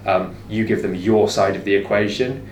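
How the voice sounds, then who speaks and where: A man's voice: on the low side, steady tone, normal speed, a little mellow. A man co-hosting a casual conversation, explaining his views in a conversational way. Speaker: co-host, business owner. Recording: echoey room, distant mic, background noise.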